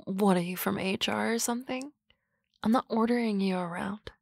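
This ASMR roleplay features a woman as a teasing, sardonic office-lady boss, mixing dry banter with whispered asides close to the mic. She talks at a normal speed in a creaky, mid-range voice, and there's no echo.

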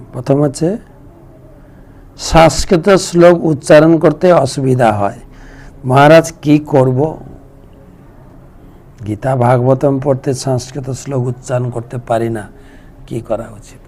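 A man's voice: medium pitch, a little mellow. A man, a monk who reads out devotees' questions and answers them with homely examples in a devotional talk.

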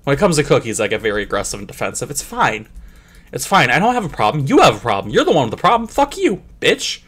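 Profane, animated young man gaming. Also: racing, soft background music. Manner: crude and profane, jokey, jumps into squeaky high voices. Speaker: gameplay commentator. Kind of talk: comedic let's play commentary.

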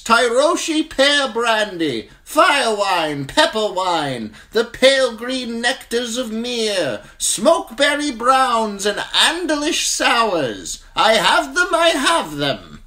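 A shrill wheedling wine merchant. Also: male voice, pushed and bright, heavily acted. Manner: high theatrical hawking cry, drawn out. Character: small flamboyant male wine merchant, wheedling salesman.

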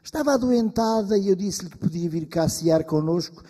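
A man voicing an anxious, eager young village wife who pleads in a high, rushed voice, in a long-reverb hall. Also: animated, dark tone, husky. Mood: coaxing.

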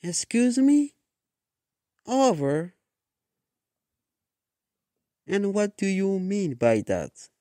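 A man voicing a desperate young woman, pleading in a high strained voice. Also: sing-song, slow, mellow, dry recording, studio quality, full character voice.

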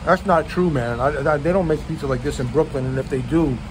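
A man's voice: fairly high pitch, a little fast, background noise. A man reviewing pizza in a casual vlog, talking frankly with his mouth full of pizza. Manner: frank, rambling, blunt verdicts.

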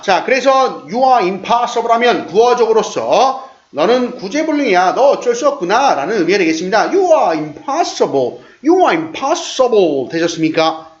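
Guy teaching beginner english, high voice, slow repeat drills, echoey muffled room sound. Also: animated. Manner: slow drilled English repetitions between brisk Korean explanations; coaxing, checks in with the learners often. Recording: roomy, dull lo-fi sound.

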